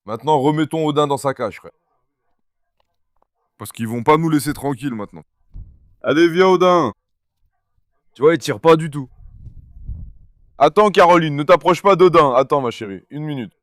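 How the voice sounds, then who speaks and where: Handling his dogs outdoors on a farm full of animals, a man keeps coaxing and calling them while casually vlogging to the camera. His voice is on the high side at a normal speed with long pauses, and the recording is dry and clean like a studio.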